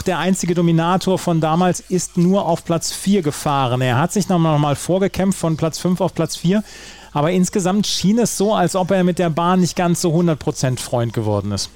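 A man hosts a sports podcast, his voice sitting a little higher than most men's. He talks through results fluently, with occasional fillers and restarts. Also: darkish tone. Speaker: podcast host.

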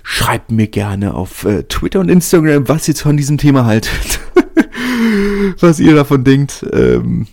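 A man's voice: fairly high pitch, sing-song, a little slow, creaky, darkish tone, no room sound, clean studio sound. A man hosting a podcast, talking through his thoughts in a casual, chatty way and often restarting his sentences. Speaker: podcast host. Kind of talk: casual spoken commentary.

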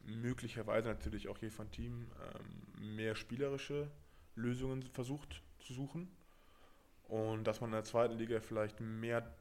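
A man's voice: medium pitch, measured pace. A young man from Berlin, co-hosting a casual podcast chat and talking loosely with lots of fillers and restarts. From Berlin, Germany. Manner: relaxed, chatty, many fillers and restarts. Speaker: podcast host and rugby player.

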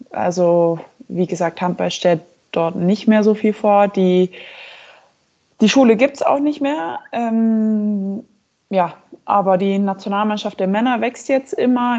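A woman in her twenties from Belgium, a handball player answering interview questions in a relaxed, hesitant way with many fillers. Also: mid-range voice. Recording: slightly muffled recording.

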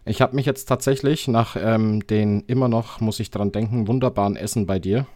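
A German man with a fairly low voice co-hosts a podcast in an easygoing, friendly way. The sound is dry and close, with no room echo. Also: fairly even intonation, normal speed, a little mellow. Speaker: podcast co-host. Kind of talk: casual chat.

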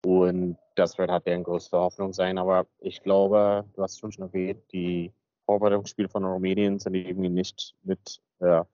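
A man co-hosting a casual podcast chat, rambling with many fillers, heard through a low-quality recording. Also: little pitch movement, normal speed, dark tone. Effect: low-quality, muffled recording. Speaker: podcast co-host. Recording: dry muffled lo-fi recording.

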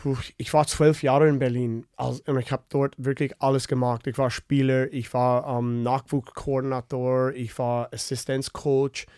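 A man's voice: mid-range voice, flat delivery, normal speed, hardly any pauses, a little mellow, clear, resonant tone, dry recording, studio quality. A man in his fifties from Canada, speaking with a Canadian English accent and many fillers and restarts as a podcast guest. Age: 50s. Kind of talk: casual interview chat.

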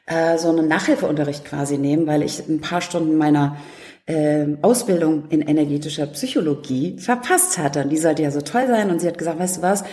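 Warm-voiced woman telling anecdotes. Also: low voice, fairly quick. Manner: lively anecdotes with acted quotes and laughs. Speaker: author and coach. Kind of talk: casual storytelling in a talk show. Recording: roomy echo.

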